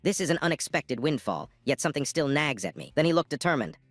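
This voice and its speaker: A man reading a scripted story recap as narrator, in a steady storytelling delivery. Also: a little high, fast, dry recording. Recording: dry voice-over with faint music. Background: faint music.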